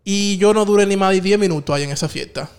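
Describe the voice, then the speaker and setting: A man telling a story in casual chat, slangy and relaxed, acting out what he said. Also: sits high, fast talker, clear, resonant tone. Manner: relaxed, slangy, acts out his own quotes.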